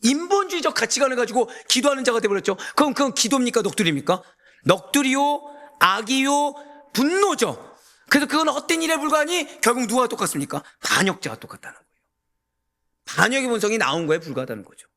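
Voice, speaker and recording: A man preaching a sermon as a pastor, emphatic and full of rhetorical questions to the congregation, rising to near-shouts. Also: very high voice, sing-song, fast talker.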